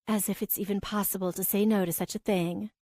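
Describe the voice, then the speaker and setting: A woman reading the part of a soft-spoken, self-deprecating young woman in an audiobook. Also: medium pitch, fairly even intonation, brisk, dry recording, clean studio sound, natural voice. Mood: wry. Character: shy, wry young woman love interest.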